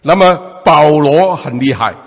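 A man preaches a sermon with a lot of repeated fillers and restarts. His voice is slightly husky and sits a little high for a man, swinging widely in pitch as he preaches. A long reverb trails behind him, as in a large hall. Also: expressive, unhurried.

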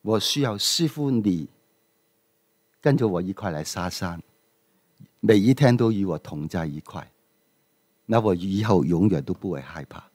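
A man's voice: fairly high pitch, lively intonation, fairly quick, few pauses, pitched above the performer's own voice. A man voicing a wise, humble young male kung fu disciple who speaks earnestly.

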